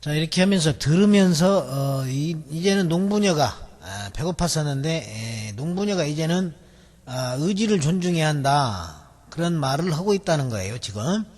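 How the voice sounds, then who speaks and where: Guy teaching memorization in a video lecture, slightly high husky voice, lots of um and uh, echoey hall. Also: animated, moderate pace, a little mellow. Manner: explains step by step, with many fillers. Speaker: memory-technique instructor. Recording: long hall reverb.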